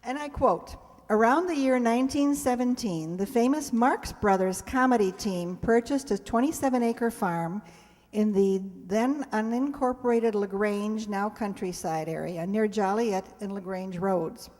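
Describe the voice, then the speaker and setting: Speaking a little slowly in a mid-range, slightly mellow voice, a woman hosts a live show for an audience in a hall. Her manner is informal, with ad-libbed asides, captured in a live stage recording with hall reverb.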